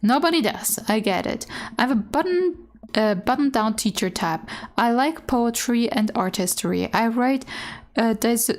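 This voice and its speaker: A woman's voice: fairly high pitch, animated, normal speed. A woman gaming streamer reading game dialogue aloud with casual, candid asides, sometimes stumbling over the words. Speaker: gaming streamer doing a let's play.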